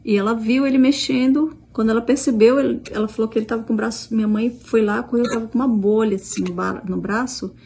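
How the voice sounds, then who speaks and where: A woman's voice: fairly high pitch, steady tone, quick pace, vocal fry, hardly any pauses, dark tone, a little hiss or hum. A middle-aged Brazilian woman with a Brazilian Portuguese accent, casually retelling a conversation with many restarts and quoted dialogue. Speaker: vlogger, mother. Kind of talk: casual storytelling.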